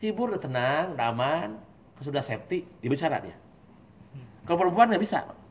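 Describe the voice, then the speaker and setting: Lively joking man preaching to a group. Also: fairly high pitch, fairly quick, slight background noise. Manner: lively, joking, acts out husband and wife voices. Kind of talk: religious study talk.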